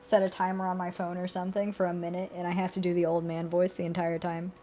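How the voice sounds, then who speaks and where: A woman's voice: on the low side, monotone, fast talker, mellow. A young woman streamer chatting casually while drawing, rambling and correcting herself, often laughing.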